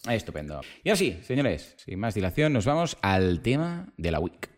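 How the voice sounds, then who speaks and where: A man's voice: fairly low pitch, very animated, moderate pace. A man from hosting a casual tech podcast, explaining with everyday examples and firing off rhetorical questions. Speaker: podcast host.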